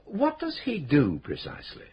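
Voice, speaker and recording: An actor playing a polite, patient police inspector with a measured, drily ironic manner in a radio drama. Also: male voice, fairly high pitch, wildly swooping pitch, dull audio, a little hiss or hum. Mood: curious. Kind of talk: 1970s radio drama acting.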